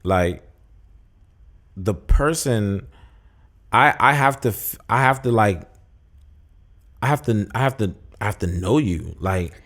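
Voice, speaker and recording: Laid-back, low-voiced young man. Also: animated, a bit bright. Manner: laid-back, halting, many restarts. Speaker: podcast co-host. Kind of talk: casual chat.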